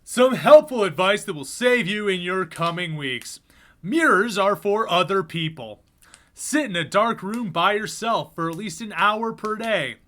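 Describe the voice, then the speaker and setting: A man putting on a slick salesman-announcer voice to read a strange book excerpt, loud and emphatic, slowing down on key phrases. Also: high voice, expressive, voice pushed up. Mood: grand pitching.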